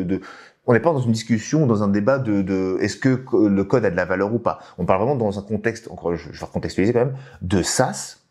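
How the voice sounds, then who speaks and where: Guy hosting a video, chatty and animated, lots of restarts, mid pitch. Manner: animated, many restarts, addresses viewers directly. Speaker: YouTube host talking about AI coding. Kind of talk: casual talk to camera.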